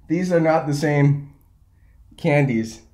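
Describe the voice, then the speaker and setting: A woman's voice: low-pitched, very slow, mellow. A woman hosting a casual taste test, chatting while she sucks on sour candy. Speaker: host of a candy tasting video.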